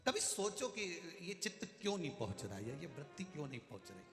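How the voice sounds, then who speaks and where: A man with a Madhya Pradesh Hindi accent giving a devotional sermon before a large religious gathering, telling stories in a folksy, animated way. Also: fairly high pitch, fast. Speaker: religious storyteller. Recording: echoey hall with faint music.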